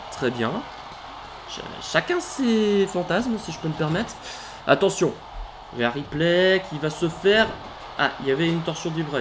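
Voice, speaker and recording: A man calling a wrestling video game match play by play, animated, bursting into shouts at big moves and stopping to correct himself. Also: high voice, slight background noise. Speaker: let's play commentator. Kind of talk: excited play-by-play game commentary.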